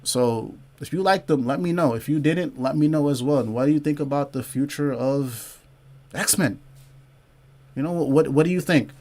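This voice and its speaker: Fairly high in pitch and a little mellow, this man speaks at normal speed as he hosts a casual comics livestream. He chats loosely, reads viewer comments, repeats phrases to drive points home, says "y'all" and "man," and asks people to comment below.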